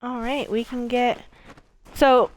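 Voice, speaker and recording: A woman's voice: fairly high pitch, level tone, slow pace, rough recording. A young woman from Maine, a streamer, chatting casually and swearing freely while she plays a game. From Maine, USA. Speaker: livestreamer.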